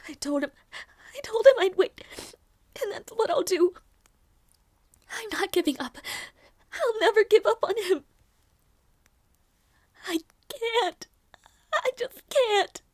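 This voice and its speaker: Woman playing a desperate, stubborn young princess, very high voice, slow halting delivery, grieving, intense audio drama. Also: expressive, a little mellow, no echo, clean studio sound, full character voice. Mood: tearful, defiant. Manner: halting, repeating words, emotionally intense. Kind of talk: dramatic audio roleplay acting.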